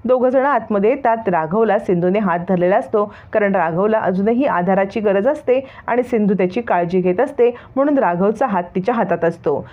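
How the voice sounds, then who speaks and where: A woman narrating and retelling the plot of a serial in a steady storytelling manner. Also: mid-range voice, fairly quick, few pauses. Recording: tinny phone-like sound.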